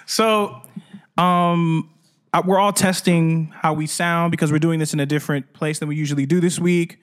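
A man's voice: a little high, fairly even intonation, moderate pace, smooth. A man hosting a casual podcast, bantering in laid-back slang with friends. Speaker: podcast host. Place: shared room, not their usual studio.

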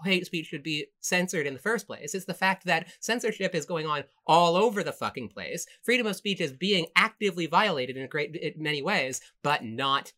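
Ranting male co-host; bright, slightly high voice, heated and sarcastic, swears freely. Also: expressive, moderate pace, hardly any pauses. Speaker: podcast co-host. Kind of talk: casual political chat.

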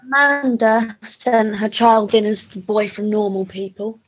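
A woman's voice: medium pitch, a little slow, breathy edge. Laid-back woman chatting. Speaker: podcast co-host. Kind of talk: casual chat about TV shows.

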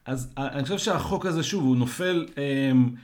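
A man co-hosting a casual podcast discussion, calmly restating points and giving examples. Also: medium pitch. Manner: calm, restates and expands with examples. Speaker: co-host.

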